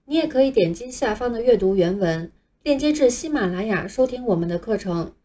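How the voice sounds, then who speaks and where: A woman's voice: a little high, lively intonation, a little fast, mellow. A woman teaching English letters patiently, step by step, as a scripted online lesson.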